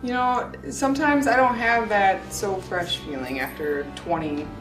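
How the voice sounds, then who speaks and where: A woman's voice: medium pitch, a little slow, music in the background, lightly acted. A woman playing a sulky, embarrassed young woman in a comedy sketch, whiny and hesitant. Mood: whiny embarrassment. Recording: echoey room, distant mic.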